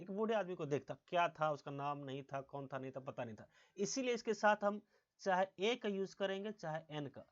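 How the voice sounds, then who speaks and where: A male English teacher giving a grammar lesson, asking quiz questions and answering them himself, repeating key words slowly. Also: high voice. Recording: dull lo-fi sound.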